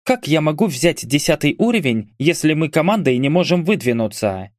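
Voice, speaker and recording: A man's voice: on the high side, sing-song, normal speed, no echo, studio quality, voice pushed up. A man voicing an exasperated young female adventurer in a raised voice. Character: indignant young blonde woman adventurer.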